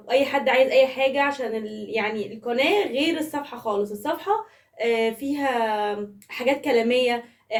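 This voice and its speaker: A high-pitched woman with an Egyptian accent teaching primary math in a playful, chatty tone, asking the children questions as she goes. Her voice echoes in the room and sits somewhat away from the microphone. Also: recorded from a distance. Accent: Egyptian Arabic. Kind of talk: casual classroom explanation to young children.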